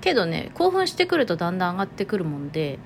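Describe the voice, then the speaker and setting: A woman's voice: lowish voice, huge pitch swings, very fast, creaky, slight background noise. A woman with a Toyama accent hosting her own internet radio show, casually musing aloud and amused at herself. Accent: Toyama Japanese. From Toyama, Japan. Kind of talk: casual solo talk.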